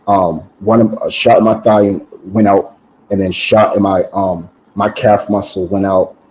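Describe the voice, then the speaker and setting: A man giving a casual, animated personal testimony, repeating words and filling pauses with "um". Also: sits low, rough recording.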